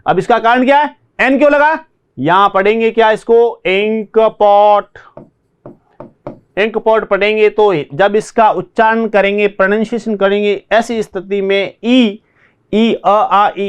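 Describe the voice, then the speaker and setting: A man's voice: sits high, clear, resonant tone. A man with an Indian accent teaching spoken English, repeating key words and asking and answering his own questions.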